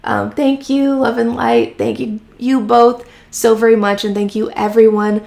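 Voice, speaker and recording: A woman hosting a casual live-stream Q&A, chatty and encouraging with lots of fillers, her voice going a bit hoarse from talking. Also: fairly high pitch, little pitch movement, a little slow, darkish tone. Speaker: host of a freelance writing live stream. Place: home office.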